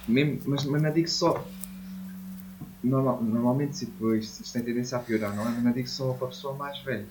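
Give the voice of a man in his twenties from Portugal, with a European Portuguese accent. He has a middling pitch and talks in a loose, slangy way, swearing casually as he chats on a podcast. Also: steady tone, fast, a little mellow, a little hiss or hum, low-quality recording. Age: 20s. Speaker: podcast co-host. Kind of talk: casual chat.

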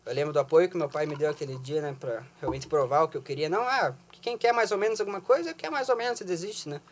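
Brazilian male guest, high voice, rapid, slangy storyteller. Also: slight background noise. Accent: Brazilian Portuguese. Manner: slangy, animated, laughs often. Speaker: podcast guest. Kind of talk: casual storytelling chat.

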